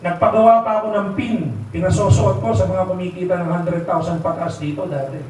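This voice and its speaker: A man's voice: high-pitched, fairly even intonation, brisk, a little mellow. A middle-aged man with a Filipino accent giving a motivational seminar talk, asking the crowd rhetorical questions and acting out quoted voices. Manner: rhetorical, keeps asking the audience "di ba?" and "tama?". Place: large hall, live seminar. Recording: very echoey hall, distant mic, faint noise.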